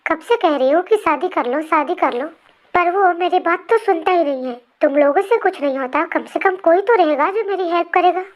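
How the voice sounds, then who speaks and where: A woman's voice: very high-pitched, moderate pace. A woman voicing an overworked sister-in-law who complains and scolds the family, in a fan storybook reading. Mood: complaining. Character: nagging sister-in-law, busy homemaker.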